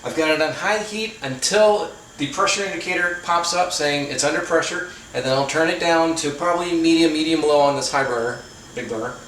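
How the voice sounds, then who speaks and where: A man's voice: a little high, fairly quick, a bit bright. A man hosting his own cooking channel from his home kitchen, talking casually with dry, self-deprecating jokes and chatty asides. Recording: very echoey room, mic at a distance, faint noise.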